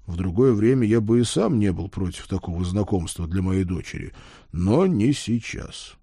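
A man reading a first-person audiobook, with a wry, lively storytelling manner. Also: deep voice, moderate pace, breathy edge, dry recording, clean studio sound. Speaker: audiobook narrator.

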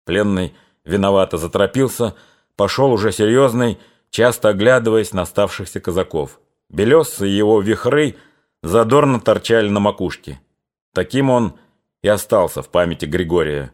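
A man narrating a literary novel in a measured, even reading. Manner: measured, even reading that drops lower and quieter in somber passages. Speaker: audiobook narrator.

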